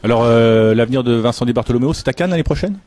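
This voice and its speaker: A male football presenter who talks very quickly in a mid-pitched voice. He introduces matches and puts questions as a club interviewer would. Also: animated, a little mellow, dry recording.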